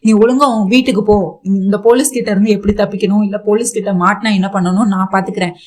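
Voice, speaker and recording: A woman voicing a grieving young man who tries to send his wife away, in a fast, self-pitying retelling. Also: mid-range voice, steady tone, darkish tone, close to an everyday voice. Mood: sorrowful.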